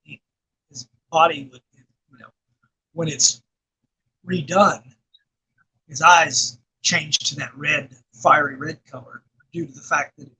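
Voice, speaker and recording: A man's voice: a little high, fairly even intonation, slow, pauses often, pushed and bright, husky, poor audio. A middle-aged man from Arkansas being interviewed, talking in a rambling way with lots of fillers and restarts. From Arkansas, USA. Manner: rambling, many fillers and restarts, laughs often. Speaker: guest filmmaker and actor. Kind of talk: casual interview chat.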